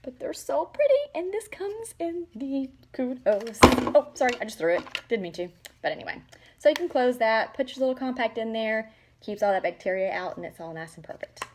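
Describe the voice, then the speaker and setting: In her 40s, a woman with a fairly high, sing-song voice speaks at a moderate pace against a noisy background. She's a makeup seller in a casual product demo vlog, chatting and gushing as she holds products up to the camera.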